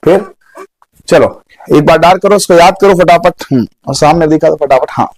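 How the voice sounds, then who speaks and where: A man's voice: a little high, moderate pace, no echo, low-quality recording. A young man teaching a live online exam-prep class, joking and answering viewers' comments as he drills memory tricks. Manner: animated, jokey, chats with viewers' comments.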